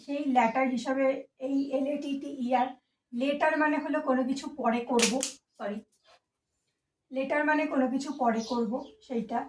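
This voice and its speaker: A woman's voice: high-pitched, normal speed, background noise. Female grammar teacher, patient step-by-step explainer, roomy echo. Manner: patient, explains step by step, mixes in English phrases. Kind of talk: exam-prep lesson explaining answers. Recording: echoey room, voice from a distance.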